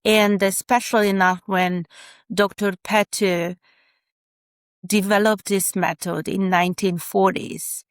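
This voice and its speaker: A Hungarian woman in her fifties, a special educator, speaks as a podcast guest in a medium-pitched, fairly flat voice at a slow pace. Her Hungarian accent is clear, she uses many fillers and restarts, and there's no echo.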